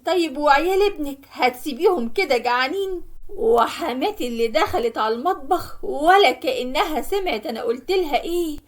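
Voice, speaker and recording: A woman with an Egyptian Arabic accent narrating a dramatic first-person story in an earnest, emotional way. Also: high-pitched.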